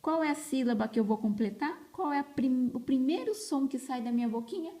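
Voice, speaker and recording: Recorded on a phone, this teacher leads young children through an early reading lesson, drawing words out and emphasizing every syllable in turn. She has a high-sitting, mellow voice with lively intonation.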